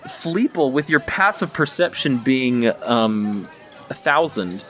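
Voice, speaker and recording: Animated man running a tabletop game. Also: medium pitch, slow pace, faint music behind. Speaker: game master. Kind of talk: improvised tabletop game narration.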